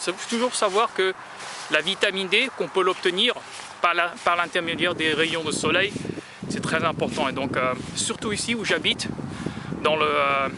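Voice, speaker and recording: Walking outdoors through a sunny town, a French man delivers a casual vlog monologue that's rambling, hesitant, and full of fillers. He speaks at a moderate pace in a fairly high voice, captured in a noisy street recording.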